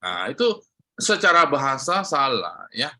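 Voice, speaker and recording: A man teaching a lesson on prayer, animated and often asking his listeners questions. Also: mid-range voice, a little slow. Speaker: church teacher.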